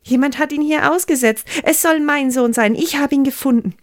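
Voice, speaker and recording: A woman voicing a young Egyptian princess in a Bible storybook, giving excited commands. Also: high-pitched, normal speed, pitched above the performer's own voice, natural voice. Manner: excited commands, soft delight.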